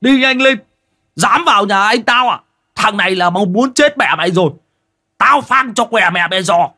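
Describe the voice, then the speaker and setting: Man playing a portly hothead yelling high and loud, husky, for a horror audio story. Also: lively intonation, moderate pace, full character voice. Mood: furious. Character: portly hot-tempered man, shouting threats.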